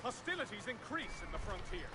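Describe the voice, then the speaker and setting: An actor playing a newspaper crier loudly calling out announcements in video game background dialogue. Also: male voice, high-pitched, very animated, brisk, very noisy. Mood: hawking. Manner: loud calling street announcements. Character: male newspaper crier hawking the news. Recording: distant echoey street in game audio, loud ambience.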